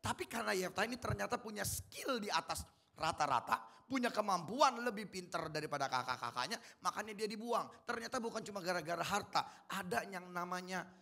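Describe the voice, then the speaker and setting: A man's voice: high voice, expressive, fairly quick, gravelly, sharp tone. A male pastor giving an interactive sermon in a colloquial way, quizzing the congregation with repeated questions.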